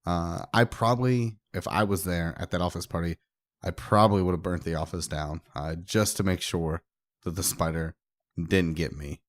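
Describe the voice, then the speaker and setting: A man's voice: low-pitched, steady tone, normal speed, no room sound. A man co-hosting a podcast in casual chat, sheepish and self-deprecating. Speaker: podcast co-host.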